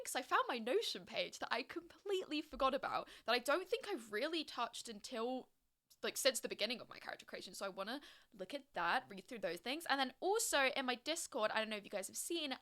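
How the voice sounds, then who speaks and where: A woman's voice: on the high side, bright, forceful tone. A young woman streamer chatting casually and emotionally with her live chat, reading messages aloud and gushing. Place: home streaming setup with music playing.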